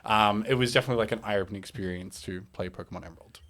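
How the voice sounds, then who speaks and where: A man's voice: lowish voice, very fast, a bit bright. A man, co-hosting a gaming podcast in a playful, self-mocking way. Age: 20s. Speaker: podcast co-host. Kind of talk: casual chat.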